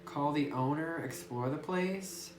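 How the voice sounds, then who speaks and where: With music playing, a woman speaks in a low voice at a measured pace, chatting, giggling, and reading the game's text aloud as she plays. She's a gaming YouTuber thinking out loud, recorded on a phone in a roomy space with faint hiss.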